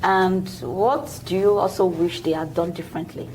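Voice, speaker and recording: A woman with a lowish voice co-hosts a conversational discussion. She agrees readily and echoes others' words. Faint background noise is audible. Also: fairly even intonation, normal speed, darkish tone. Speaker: co-host.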